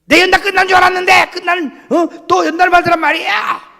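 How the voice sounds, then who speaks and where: A woman's voice: flat delivery, moderate pace, sharp tone, in a large hall, heavily acted. A male preacher voicing an angry woman who screams in protest at a prophecy. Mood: furious shouting. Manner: screaming and shrill. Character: furious middle-aged woman shouting in protest.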